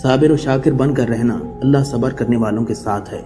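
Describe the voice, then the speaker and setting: A gentle, consoling father's spirit speaking to his daughter from the dark, voiced by a man in his narrating tone. The pitch sits in the middle, and a long reverb hangs behind each phrase. Soft music runs underneath. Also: lightly acted.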